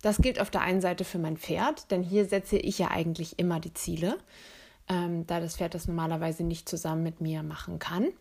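A woman hosting a podcast, explaining ideas in a clear, steady way and speaking directly to her listeners. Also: lowish voice, a little fast. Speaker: podcast host.

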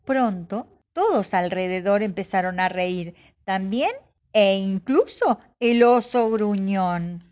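A woman's voice: mid-range voice, lively intonation, slow pace, a little mellow. A woman reading a children's storybook aloud expressively, acting out sound effects.

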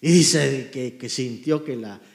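A man preaching a sermon as pastor, fervent and shouting at peaks, then dropping to quiet storytelling. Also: mid-range voice, slow pace, vocal fry, roomy sound.

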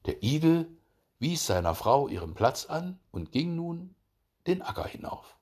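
A man reading a fairy tale aloud as narrator, measured and expressive. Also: on the high side.

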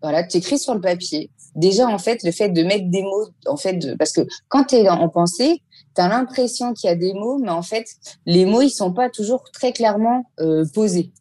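A woman teacher casually explaining a mindfulness exercise step by step, pausing often to search for words. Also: mid-range voice, mellow. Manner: explains step by step with frequent hesitations. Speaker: teacher giving mindfulness advice.

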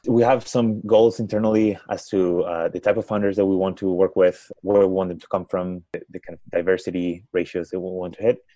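A startup founder with a Spanish accent answers podcast questions thoughtfully, often restarting his sentences. His voice is low and dark with a level tone, and he talks a little fast with hardly any pauses. It's a dry recording of conversational interview answers.

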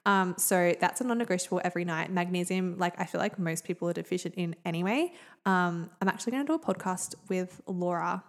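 Young woman podcast host, low-ish voice, super chatty with lots of likes. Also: fast talker. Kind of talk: casual chat.

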